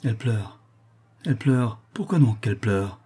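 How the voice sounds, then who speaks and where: Broken old father, male reader: slow, halting, low, husky. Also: dark tone. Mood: dazed sorrow. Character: shattered old father, dazed and vacant.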